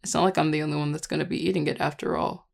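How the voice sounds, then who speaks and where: A performer voicing a charming, affectionate vampire lover in an intimate audio role-play, teasing and tender in a relaxed, gravelly voice. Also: medium pitch, rapid-fire. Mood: playful, teasing. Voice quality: gravelly, heavy vocal fry. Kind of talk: intimate audio role-play, one-sided dialogue to listener.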